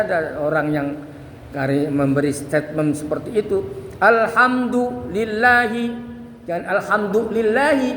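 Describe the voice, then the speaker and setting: A man teaching Quran recitation rules, patiently explaining and chanting examples slowly. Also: high voice, a bit bright, a little hiss or hum. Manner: patient, repeats points with many "ya" tags, chants examples slowly. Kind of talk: tajwid lesson with sung demonstrations. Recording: echoey room with long reverb.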